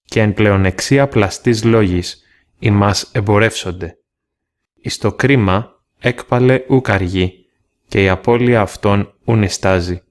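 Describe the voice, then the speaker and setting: A man reading scripture aloud in a steady, measured way, pausing phrase by phrase. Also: lowish voice. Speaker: scripture reader.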